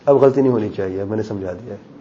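A man's voice: fairly low pitch, warm tone. A male grammar teacher giving a classroom lesson, patiently quizzing students and explaining rules step by step, on a dull lo-fi recording. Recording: dull lo-fi recording with faint noise.

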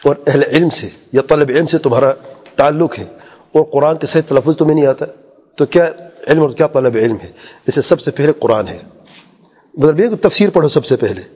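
An Islamic preacher gives an earnest religious lecture, posing rhetorical questions and quoting Arabic phrases. His voice is a little high, darkish and slightly rough, and long hall reverb fills the recording.

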